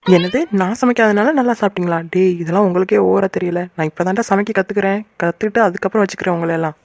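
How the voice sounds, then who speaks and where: A woman voicing a quick-tempered cartoon wife. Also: mid-range voice, a little hiss or hum, natural voice. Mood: huffy. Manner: huffy, sharp-tongued. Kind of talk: cartoon voice acting.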